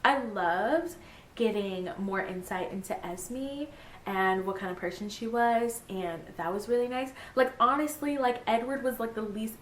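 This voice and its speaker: A young woman talking casually about a book she read, gushing and animated, full of "like" and fillers. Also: unhurried. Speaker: book vlogger. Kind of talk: casual book review chat. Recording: echoey room, faint rumble.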